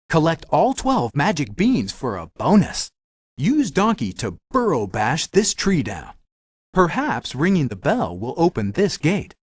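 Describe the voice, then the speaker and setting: A man's voice: on the high side, breathy edge, no room sound, studio quality, heavily acted. A man voicing a helpful magic mirror, a theatrical fairy-tale guide giving scripted, instructive video game hints.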